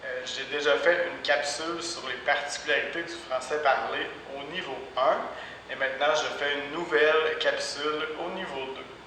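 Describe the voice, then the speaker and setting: A man teaching a language lesson, speaking deliberately and repeating each example twice. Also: on the high side, fairly even intonation, sharp tone. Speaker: French teacher. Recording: echoey room, voice far from mic, faint background hiss.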